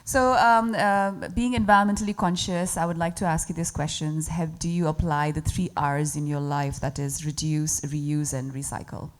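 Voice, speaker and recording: A woman's voice: deep voice, steady tone. A woman judging a pageant interview, firing off questions and switching between Nepali and English. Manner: rapid, mixing Nepali and English. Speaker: pageant judge.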